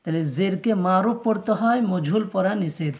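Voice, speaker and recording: A man with a Bangladeshi Bengali accent, teaching a Quran reading lesson, patiently repeating each syllable and slowing down to drill letters. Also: high-pitched. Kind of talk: step-by-step recitation lesson.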